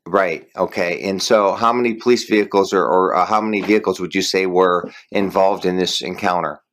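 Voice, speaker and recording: A man's voice: sits low, brisk, a bit bright, slight background noise. A man interviewing a witness, asking hesitant, stumbling questions. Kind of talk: phone interview.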